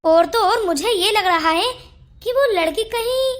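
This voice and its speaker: A woman's voice: very high-pitched, lively intonation, a little slow. A woman voicing a stern, bossy older mother in a cartoon story. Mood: angry scolding. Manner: scolding, bossy. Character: stern strict older Indian mother-in-law. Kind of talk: cartoon voice acting.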